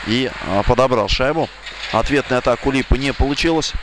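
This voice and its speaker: Guy doing live hockey play-by-play, kinda halting, really loud arena noise all around. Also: mid-range voice. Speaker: hockey commentator. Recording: loud rink noise behind the voice. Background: indoor ice rink noise.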